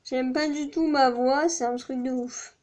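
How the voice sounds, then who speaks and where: A woman's voice: high voice, steady tone, measured pace, darkish tone. A young woman chatting casually to camera in a vlog, rambling with lots of fillers and restarts. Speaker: vlogger.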